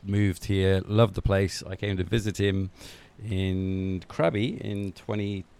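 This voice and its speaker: A man's voice: sits low, steady tone, slow pace, vocal fry, darkish tone, clear, resonant tone. A man from Wales with a Welsh accent, a podcast guest chatting casually and joking about himself. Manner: playful, self-mocking. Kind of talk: casual chat.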